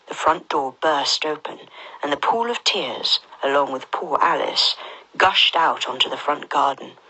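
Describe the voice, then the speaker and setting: A woman reads a children's storybook in a soft, half-whispered and gentle voice. Her voice sits low but sounds bright and very breathy. It fits a calm story read aloud. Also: poor audio.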